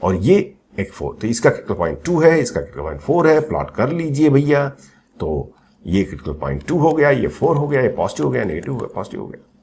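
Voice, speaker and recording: A man teaching maths in a recorded coaching lecture, chatty and lively, asking the class questions and joking, mixing Hindi with English terms. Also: mid-range voice, fairly quick, creaky, a little hiss or hum. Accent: Hindi-English code-mixing.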